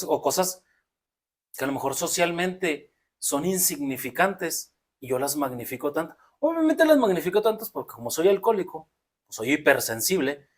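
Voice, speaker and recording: Mexican man, podcast co-host, reflective explainer, slightly high-pitched. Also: breathy edge. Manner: reflective, explains at length with many restarts. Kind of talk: casual podcast conversation.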